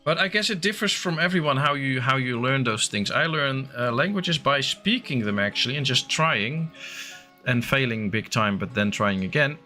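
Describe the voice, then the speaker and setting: With faint music in the background, a man whose first language isn't English chats with viewers during a game stream. His mid-range voice has lively intonation, a sharp tone and a moderate pace, and he answers chat with frequent filler words.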